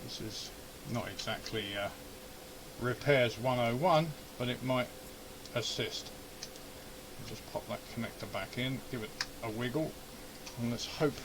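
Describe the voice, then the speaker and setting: There's background noise as a man of medium pitch talks at a measured pace, pausing often. He's an amateur radio hobbyist and video host giving a casual running commentary on a repair in his indoor home radio shack, grumbling and muttering to himself.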